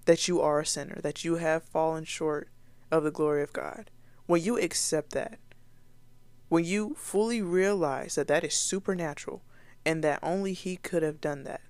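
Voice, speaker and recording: A woman's voice: sits low, normal speed, darkish tone, no echo. A woman giving a casual Bible teaching to her viewers, earnest and conversational, with fillers and restarts along the way.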